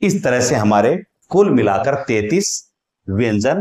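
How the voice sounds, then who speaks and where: A man teaching a lesson on Hindi consonants, asking questions and repeating sounds slowly for his students. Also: mid-range voice, big pitch swings, a little mellow, reverberant. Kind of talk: explanatory grammar lesson.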